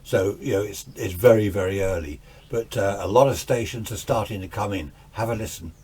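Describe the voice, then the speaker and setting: Speaking fairly quickly in a warm, lowish voice, a British amateur radio hobbyist rambles through an informal, unscripted demonstration in his home radio room. His manner is conversational and meandering. Radio static sits behind him in a noisy room.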